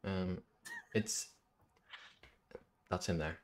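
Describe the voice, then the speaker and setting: A man hosting a video, chatting with strangers online in a deadpan, mock-sincere way. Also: low-pitched, very slow, a little hiss or hum. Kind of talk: casual chat, deadpan trolling.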